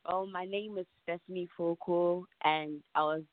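A young woman with a Ghanaian accent, an aspiring actor and model, chats casually as a podcast interview guest. Her fairly low voice holds a steady tone at a moderate pace, with no echo, though the phone-line recording sounds muffled.

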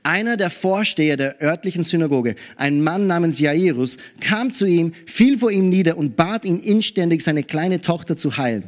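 High-voiced man preaching a sermon. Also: normal speed, hardly any pauses. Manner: animated preaching with frequent tag questions; punctuates with hallelujah and amen.

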